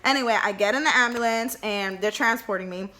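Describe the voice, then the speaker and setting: A woman's voice: medium pitch, brisk. A young woman telling a story casually and with animation, full of fillers, acting out what people said. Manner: chatty and animated, many "like" fillers, acts out dialogue. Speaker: vlogger telling her birth story.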